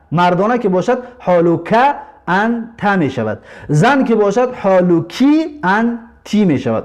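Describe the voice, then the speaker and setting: A man teaching Arabic, explaining a textbook dialogue with slow, repetitive explanations and drawn-out example words. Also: high voice, a little mellow. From Tajikistan.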